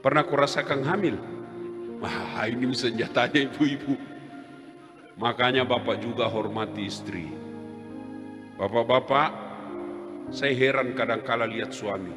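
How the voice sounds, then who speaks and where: A man's voice: medium pitch, a little slow, long pauses. A man preaching a comic sermon, teasing and calling out to his audience. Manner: teasing, animated, addresses the audience directly. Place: large hall with an audience. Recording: reverberant hall with music behind.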